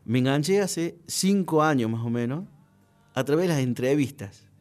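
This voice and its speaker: A man's voice: mid-range voice, animated, moderate pace, a little mellow. A man, talking casually on a radio show, hesitant and full of restarts, reciting poetry with feeling.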